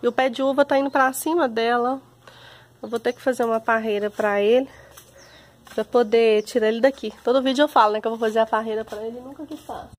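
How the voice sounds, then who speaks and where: A Brazilian woman vlogging from her backyard garden, talking casually and warmly to her viewers and often calling out to them. Her voice sits a touch higher than most women's. She sounds homely and relaxed as she walks the viewers around her plants. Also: quick pace. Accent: Brazilian Portuguese. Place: home backyard garden, outdoors.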